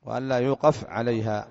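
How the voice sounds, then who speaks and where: A man's voice: mid-range voice, gravelly, darkish tone, dry recording. A man teaching a grammar lesson as a sheikh, repeating each point and putting short questions to his students. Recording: dull lo-fi lecture recording.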